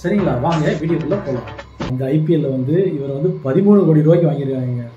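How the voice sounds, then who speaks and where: A man's voice: on the high side, fast, mellow, highs cut off. A man hosting a meme reaction video, giving casual, teasing commentary. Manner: teasing, mocking banter. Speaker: host. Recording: echoey room with music behind.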